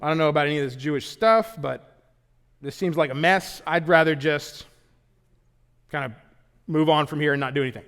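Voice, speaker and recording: Guy doing a tired middle-manager type passing the buck, mumbly and low-key, big echoey hall. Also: a little fast, pauses often, fairly bright tone, smooth. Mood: reluctant. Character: weary adult male official dodging blame.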